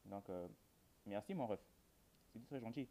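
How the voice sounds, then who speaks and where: This man's fairly low, dark voice has lively intonation, and he takes an unhurried pace. He's a video host giving casual horror game commentary, addressing viewers in rambling, colloquial talk with dry jokes.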